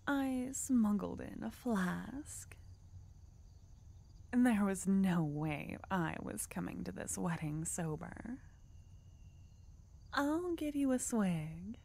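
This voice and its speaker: In an ASMR roleplay, a woman plays an unhinged, flirtatious yandere arsonist, fully in character with a dark, medium-pitched voice. She teases and conspires in a breathy half-whisper.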